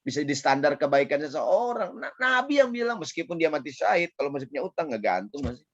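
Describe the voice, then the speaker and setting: A man preaching a casual sermon in a Jakarta Betawi accent, lively and playful, often checking in with his audience. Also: on the high side, fast, no room sound, highs cut off. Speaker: Islamic preacher. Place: online session.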